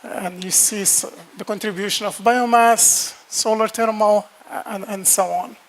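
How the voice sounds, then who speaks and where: On the stage of a large, dark lecture hall, a man gives a technical conference presentation. He speaks plainly at a measured pace, using repeated words and fillers, in a high-pitched voice with a steady tone.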